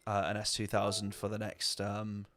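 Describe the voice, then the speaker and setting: A man's voice: on the low side, monotone, normal speed, a bit bright. A man talking casually over a racing game stream, rambling and answering viewer chat. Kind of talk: casual gameplay commentary.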